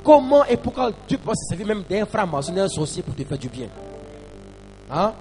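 Man preaching, high voice, stumbles and repeats words, calls out to the congregation, faint music behind. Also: very animated, moderate pace, big-room sound. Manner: preaching with call-and-response to the congregation, rising to shouts. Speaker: pastor. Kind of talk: sermon.

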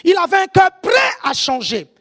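High, lively preacher with an African French accent. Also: normal speed. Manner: animated, often shouting, keeps asking the audience if they follow. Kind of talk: sermon.

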